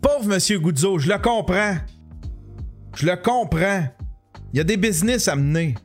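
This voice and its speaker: A man's voice: high voice, expressive, normal speed, faint music behind. A man with a Québécois French accent hosting an online show, ranting with profanity and heavy sarcasm. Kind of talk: sarcastic live-stream commentary.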